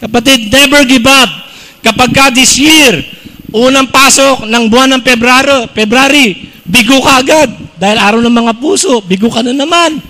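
A middle-aged man preaches a humorous sermon, his voice pitched high and bright. He jokes, teases and calls out to the congregation, slipping English phrases into his Tagalog. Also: moderate pace, poor audio. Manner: joking, animated preaching with call-outs to the crowd. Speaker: pastor.

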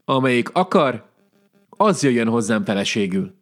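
A man's voice: mid-range voice, very animated, close to an everyday voice. A man doing a bossy little hedgehog-pig creature. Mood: brisk. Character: bristly little enchanted hedgehog-pig suitor, male, brisk and commanding.

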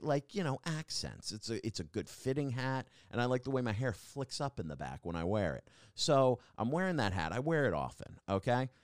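Young guy podcast host, lowish voice, rambles on with lots of likes and ums, dry close sound. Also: no echo. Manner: rambling, animated, lots of fillers and restarts. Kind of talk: casual storytelling monologue.

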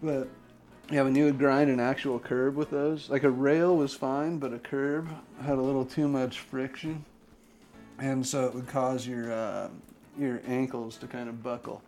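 Gravelly-voiced man in rambling casual chat. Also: mid-range voice, little pitch movement, a little slow, a little mellow, soft background music. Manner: rambling, loose, with lots of "like" and swearing. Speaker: podcast co-host.

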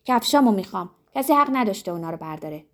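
A woman's voice: medium pitch, animated, dark tone, close to an everyday voice. Stubborn insistent girl, read by a woman. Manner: insistent, pleading. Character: stubborn upset young girl.

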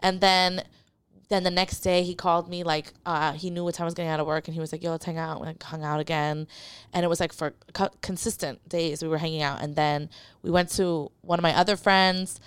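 A woman's voice: on the low side, little pitch movement, brisk, smooth, no echo. A young woman as a podcast guest, telling a personal story in casual chat, rambling with lots of "like" and quoting herself.

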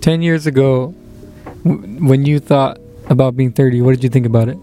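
A man's voice: medium pitch, fairly quick, dark tone, soft background music. A man about to turn thirty in a casual podcast chat, earnestly explaining his view. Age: around 30.

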